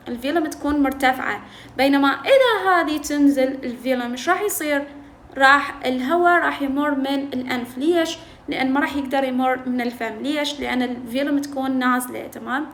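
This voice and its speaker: A woman tutor with an Iraqi Arabic accent explaining a linguistics textbook to students. She asks questions and answers them herself, repeats key terms, and reads English lines slowly. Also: high-pitched. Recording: echoey room with faint noise.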